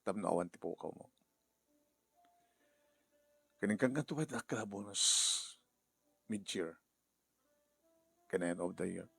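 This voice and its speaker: A firm, fair-minded company boss, played by a man in an audio drama, speaking with steady authority. His low voice is gravelly and husky, recorded close and dry. Faint music runs behind him. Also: takes it slowly, long pauses, dry recording. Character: middle-aged male company boss, firm but fair. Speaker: storyteller and voice actor.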